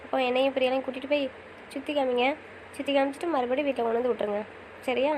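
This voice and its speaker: A young woman chatting with her husband in a quick, rather high voice. She talks at a brisk pace, affectionate and teasing, now pleading and now playful. It is casual couple banter. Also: steady tone, darkish tone, slight background noise, poor audio. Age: young adult. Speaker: wife in a couple's chat.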